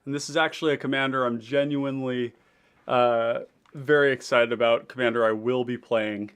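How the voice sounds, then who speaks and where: A man's voice: mid-range voice, fairly even intonation, moderate pace, a bit bright, clear, resonant tone. A man hosting a live stream, chatting casually with viewers, reading their comments and talking while he eats. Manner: chatty, eating while talking, reads out chat. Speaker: streamer host.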